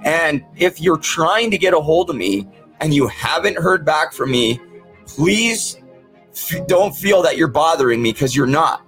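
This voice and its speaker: Fairly high-pitched and fairly bright, this man speaks a little slowly with lively intonation, faint music behind him. He's a podcast host whose missing teeth shape his speech, chatting sincerely and plainly with his viewers.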